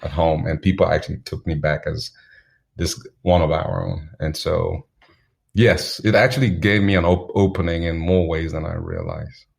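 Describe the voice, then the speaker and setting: This interview guest from Zambia speaks slowly and reflectively, his extremely low voice rough and creaky with fry. He tells stories on an even, level pitch, chuckling here and there along the way.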